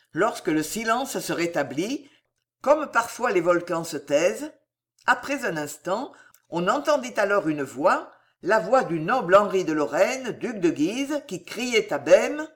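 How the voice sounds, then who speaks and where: An audiobook reader narrating a dramatic historical novel in a slow, expressive storytelling manner. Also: medium pitch.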